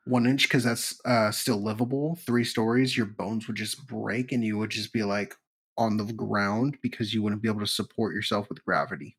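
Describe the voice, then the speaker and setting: A man's voice: lowish voice, fairly even intonation, normal speed, fairly bright tone, breathy edge. A man co-hosting a podcast in casual chat, laid-back, crude and joking. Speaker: podcast co-host.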